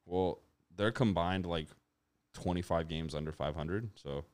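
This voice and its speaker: A young man co-hosting a sports podcast, arguing in an animated, profane way. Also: deep voice, a little slow, smooth. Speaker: podcast co-host. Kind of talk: casual sports podcast banter.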